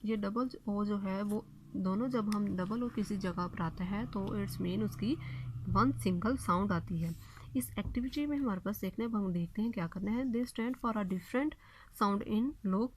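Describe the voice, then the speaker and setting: A woman teaching a recorded lesson. She reads the sentences slowly and deliberately, then explains them quickly in Hindi. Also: mid-range voice, a little hiss or hum, poor audio. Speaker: school English teacher.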